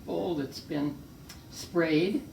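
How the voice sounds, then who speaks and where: An older woman co-hosts a homemade cooking video in a room of her retirement community home, chatting casually and gushing over the food as she savors it aloud. Her voice sits low, gravelly and mellow, with drawn-out words. The room is echoey, she sounds far from the mic, and there's a faint hiss.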